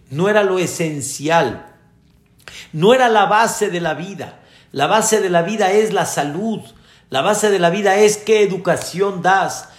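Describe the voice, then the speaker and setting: A man, a rabbi giving an earnest sermon to his congregation. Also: high-pitched. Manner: earnest, addressing the congregation directly. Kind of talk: sermon with storytelling. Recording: echoey room.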